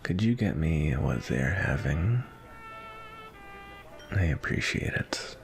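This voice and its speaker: Sebastian, a deep, gravelly vampire acted by a man. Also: exaggerated voice. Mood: courteous, relaxed. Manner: polite, unhurried, flirtatious. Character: suave, courteous, centuries-old male vampire on a date. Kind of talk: ASMR roleplay, intimate and softly spoken.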